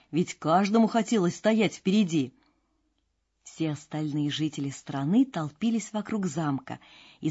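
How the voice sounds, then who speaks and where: Husky woman reading a fairy tale. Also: lowish voice. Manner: expressive, storybook delivery. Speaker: narrator. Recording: dull lo-fi with faint music.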